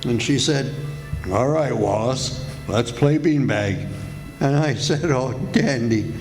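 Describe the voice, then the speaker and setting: A man's voice: mid-range voice, slow, a little mellow, faint music behind, close to an everyday voice. An actor playing a meek, henpecked, cheerfully resigned little man in 1940s-style radio comedy, mild, polite and prim. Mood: rueful.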